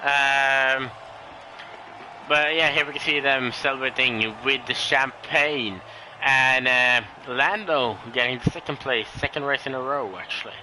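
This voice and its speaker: Speaking English as a second language with a Norwegian accent, a man gives solo live commentary on a sim race. His medium-pitched voice stays steady and unhurried, though he hesitates, uses many fillers and corrects himself often. The background is noisy.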